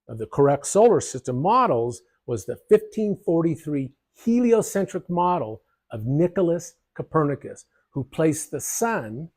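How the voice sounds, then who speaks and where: A man narrating a history lesson over slides, his voice sitting a little high and swinging widely as he explains. He keeps it light, tossing in jokes and casual asides between points. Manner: lively, jokey explanations with asides. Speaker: history channel presenter.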